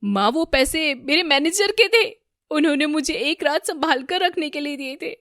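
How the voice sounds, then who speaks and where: A woman voicing a young husband who shouts and scolds in a cartoon family drama. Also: sits high, lively intonation, moderate pace, no room sound, clean studio sound, pitched above the performer's own voice. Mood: alarmed. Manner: loud, scolding. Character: angry young husband, office worker.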